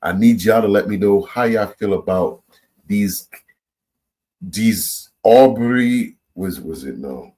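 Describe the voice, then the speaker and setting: A man from Trinidad and Tobago runs a reaction channel, sharing his opinions with viewers in a loose, animated monologue. He often repeats and restarts words, and his voice is lowish and slow.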